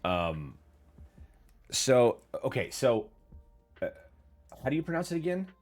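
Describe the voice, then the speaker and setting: A man's voice: medium pitch, very animated, a little slow, soft background music. A man hosting an interview, laid-back and casual, who swears easily and calls his guest "dude". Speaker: interview host.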